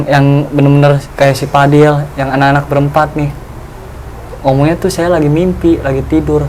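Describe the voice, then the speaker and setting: A man telling his own ghost experience in a casual, animated chat, acting out his friends' voices. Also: a little high, noisy background.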